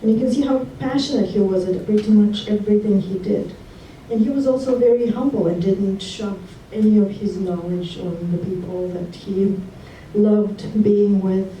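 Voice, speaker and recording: A woman from Russia speaks a heartfelt eulogy in a very mellow, dark voice, pausing often. She sounds far from the microphone in a roomy hall, with a faint hiss underneath. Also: mid-range voice. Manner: heartfelt, halting, with pauses. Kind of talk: memorial tribute speech. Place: memorial gathering hall.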